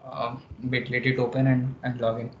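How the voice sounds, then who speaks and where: A young man with an Indian accent giving a casual, halting screen-share tutorial, thinking aloud as he goes. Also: mid-range voice, monotone, noisy background. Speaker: workshop presenter. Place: online video call, screen share. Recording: dull lo-fi call audio, typing clicks.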